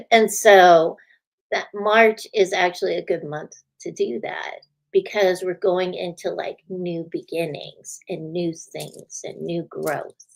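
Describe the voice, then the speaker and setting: A woman with a lowish, creaky voice hosts a spiritual show as a casual live-stream chat, calling out viewers by name and laughing a lot. Tonight her voice is a little scratchy.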